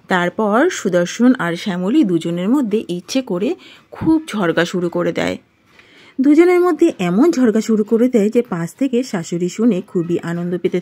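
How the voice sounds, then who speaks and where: A woman narrating a cartoon folk story in a plain, steady storytelling manner. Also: medium pitch.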